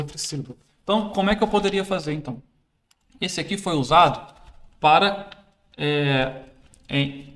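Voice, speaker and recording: Man explaining a classroom prop. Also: on the high side. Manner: explains while handling a classroom prop, self-correcting. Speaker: teacher trainer. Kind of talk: casual instructional demo.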